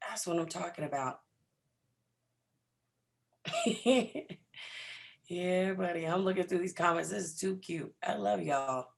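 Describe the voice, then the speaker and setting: His voice is lost and hoarse, yet this man pumps up viewers energetically as a trading coach streaming live. He pitches high and talks slowly, with long pauses.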